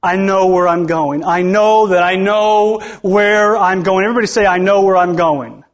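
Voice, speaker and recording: A middle-aged man preaching a sermon in a church with a notably high voice. He swings between loud, rising lines and hushed, near-whispered ones. He often calls out to the congregation for a response. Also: steady tone, moderate pace. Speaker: pastor.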